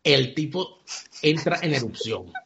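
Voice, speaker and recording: A man's voice: a little high, unhurried, gravelly, lo-fi sound, background noise. A man, a radio broadcaster telling a personal anecdote and acting out the voices as he goes. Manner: animated storyteller acting out the voices.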